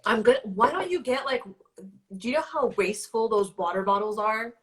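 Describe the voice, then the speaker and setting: Bright-voiced chatty woman co-host. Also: on the high side, moderate pace, poor audio. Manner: chatty and teasing. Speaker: podcast co-host. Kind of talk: casual livestream chat.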